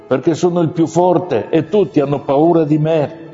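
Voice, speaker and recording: Cast: a proud blustering storybook lion, voiced by a man, dark mellow tone, reverberant dull recording. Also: on the high side, normal speed, voice pushed up, lightly acted. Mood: boastful. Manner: blustering, boastful. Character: huge proud boastful male lion. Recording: long reverb, muffled, faint music.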